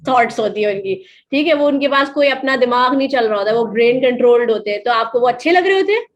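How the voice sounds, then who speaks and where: Woman teacher, high voice, chatty lecture in class, keeps asking students stuff. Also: dull audio. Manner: conversational, asks the class questions and answers them. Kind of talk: classroom lecture mixing Hindi and English.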